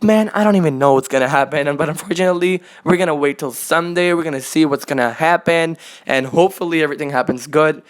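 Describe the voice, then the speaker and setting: A young man with a slightly high, smooth and clear voice, talking as an excitable reaction-channel host. He recaps an episode casually, stacking fillers and gushing over every twist. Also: fast talker, few pauses. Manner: animated, filler-heavy, gushing.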